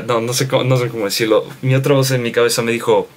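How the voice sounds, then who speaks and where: A man's voice: medium pitch, steady tone, fast talker. Young man, casual vlog, chatty, rambling, talking to his phone camera. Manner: rambling, chatty, many fillers and asides. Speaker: vlogger.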